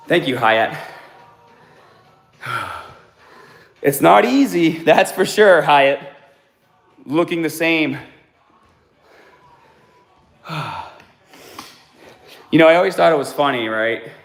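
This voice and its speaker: A man's voice: medium pitch, roomy sound. A man in his forties hosting a casual fitness live stream while working out, slightly sick and out of breath, reading chat aloud with laid-back sighs. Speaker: fitness channel host. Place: home gym.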